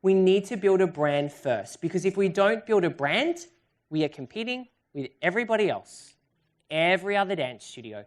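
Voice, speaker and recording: A woman's voice: fairly low pitch, expressive, moderate pace. A woman presenting at a live seminar and answering audience questions in an upbeat, chatty way. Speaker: workshop presenter. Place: event hall with audience.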